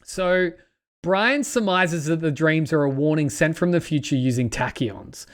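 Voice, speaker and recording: A man with a fairly high voice hosts a casual podcast. He retells a film's story with animated energy and acts out its lines along the way. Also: measured pace. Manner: animated, retelling a film plot with acted-out quotes. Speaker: podcast host.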